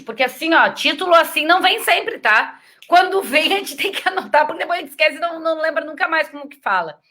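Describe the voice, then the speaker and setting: A woman with a Brazilian Portuguese accent hosting a casual live stream, chatting, reading viewer comments and sending greetings. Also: sits high. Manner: chatty, warm greetings to viewers, sends kisses.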